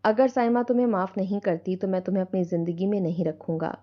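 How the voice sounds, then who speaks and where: A woman's voice: medium pitch, highs cut off, close to an everyday voice. A woman voicing a stern, protective adult brother who speaks harshly. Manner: harsh, scolding.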